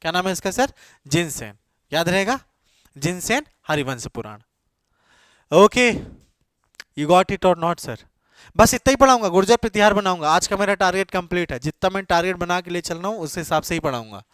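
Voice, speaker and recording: A man with a high, light voice runs an exam-prep class, firing the same question again and again before he answers it himself. He slips English phrases into his speech and. The sound is dry, close and free of room echo. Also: expressive, moderate pace, a bit bright, smooth. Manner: quizzes students with repeated questions, then answers himself. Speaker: coaching teacher.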